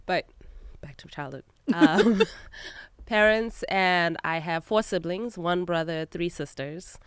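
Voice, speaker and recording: A young adult woman from Zimbabwe, a magazine editor, speaks slowly and smoothly in a fairly low pitch. As a guest in a casual interview, she tells lighthearted stories and laughs often. The studio sound is clean with no echo.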